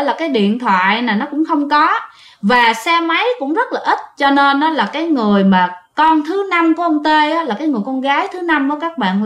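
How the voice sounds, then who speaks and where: High-voiced Southern Vietnamese woman telling ghost stories. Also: fairly bright tone, echoey room. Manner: chatty, addresses listeners directly. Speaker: storyteller. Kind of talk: ghost story narration.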